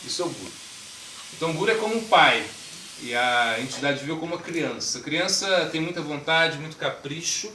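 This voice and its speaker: A man as swami giving an informal spiritual talk, conversational, asking the audience questions and acting out voices. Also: a little high. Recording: echoey room, mic far off, noisy.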